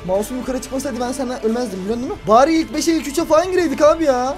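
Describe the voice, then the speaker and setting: Soft music plays behind this gaming video host, whose very high-pitched voice comes out rapid-fire. He reacts to his own play with excitement, yelling and groaning at the game and hurling playful insults at the other players.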